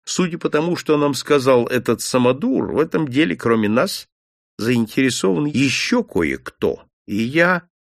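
A man voicing a shrewd, calm detective who speaks softly and kindly, in an audiobook. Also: mid-range voice, normal speed, gravelly, no room sound, studio quality. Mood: brisk. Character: shrewd male detective, calm and gently confident. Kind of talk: audiobook character voice.

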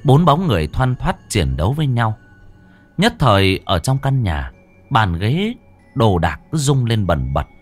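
A man narrating a scripted horror story with lively, dramatic delivery. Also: medium pitch, measured pace. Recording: dry close voice, faint music.

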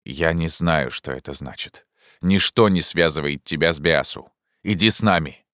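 A man voicing a proud, loyal rebel leader who speaks forcefully and with indignation, in an audiobook reading. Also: rumbling low, moderate pace, no echo, clean studio sound. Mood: insistent.

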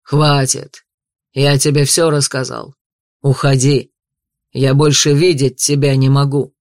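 A man's voice: mid-range voice, level tone, measured pace, no echo, lightly acted. Brief: male reader as a hurt young noble fiancé, bitter and clipped, mid-range voice, dry close sound. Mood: angry. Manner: bitter, restrained anger. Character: young man, a wounded, bitter betrothed nobleman. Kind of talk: audiobook dialogue reading.

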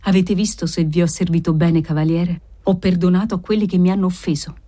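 A man's voice: high-pitched, fairly even intonation, fairly quick, mellow. A woman reading as a meek, whimpering man. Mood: sly. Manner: plaintive, feeble. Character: meek, sickly man who whimpers and plays innocent.

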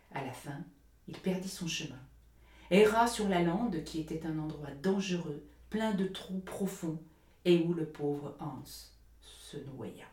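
A woman reads a fairy tale aloud in a low, measured, hushed voice. The recording has a roomy echo. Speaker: narrator. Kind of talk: storybook reading.

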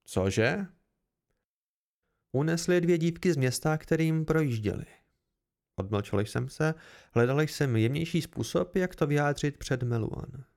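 A man reads an amateur audiobook in an even, earnest first-person manner. His voice has a gravelly texture and sits slightly high for a man. The reading is steady and plain. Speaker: audiobook reader.

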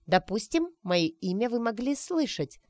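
Reader voicing an eager, touchy young woman, pitched up and lively. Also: moderate pace, no room sound, studio quality. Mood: indignant. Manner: eager, indignant.

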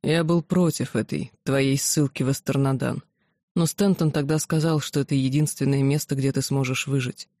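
A reader voicing a blunt, rough-spoken werewolf general, an older man, in an audiobook. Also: medium pitch, steady tone, normal speed, a little mellow, dry recording, studio quality, natural voice. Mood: grave. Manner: plain-spoken, rough, awkward. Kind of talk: audiobook character voice.

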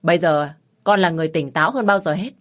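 A cold, domineering young husband who has been drinking, as a woman reads him, curt and mocking with a quiet threat under his words. He is the brooding male lead of a romance audiobook, read in a low voice. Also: fast talker, lightly acted. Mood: menacing.

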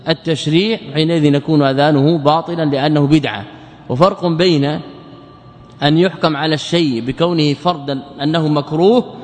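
A man with a somewhat high voice gives a religious law lesson, carefully explaining rules step by step. He keeps asking himself "why?" and answering. His voice rings out with a long hall reverb. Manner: asks rhetorical questions and answers them himself; chants short sample phrases to show errors. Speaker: teacher of Islamic jurisprudence.

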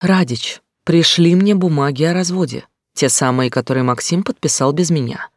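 A man voicing a distraught young woman, desperate and demanding, pleading and rising to shouts. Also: fairly high pitch, moderate pace, no room sound, studio quality, close to an everyday voice. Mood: tense.

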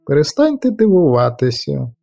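A man's voice: fairly high pitch, big pitch swings, moderate pace, vocal fry, mellow, voice pushed up, exaggerated voice. A man voicing a touchy, lecturing middle-aged castle steward in an audiobook. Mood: huffy. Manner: offended, lecturing.

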